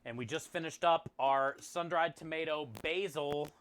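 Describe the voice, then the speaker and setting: A man's voice: fairly high pitch, moderate pace, a bit bright, dry recording. A man chatting casually to livestream viewers as a chef and host, in a friendly, appreciative and conversational way. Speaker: food truck chef and streamer.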